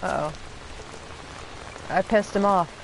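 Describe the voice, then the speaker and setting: A young woman streamer gives casual live game commentary that's profane, playful, and sarcastic. She speaks slowly in a fairly low voice with vocal fry, and the noisy recording carries video game sounds behind her.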